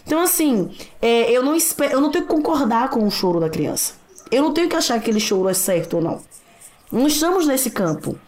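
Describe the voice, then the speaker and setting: A woman's voice: high-pitched, darkish tone. A woman with a Brazilian Portuguese accent, a writer and psychoanalyst, explaining things reflectively as a guest on a talk show. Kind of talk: conversational explanation.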